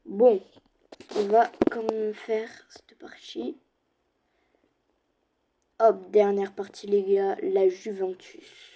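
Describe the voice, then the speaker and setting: A young woman chatting casually to her viewers while playing an online game, with quiet murmured asides. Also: medium pitch, flat delivery, slow pace, long pauses. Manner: chatty, addresses viewers directly, slips into soft asides. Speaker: gaming streamer. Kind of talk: casual let's-play commentary.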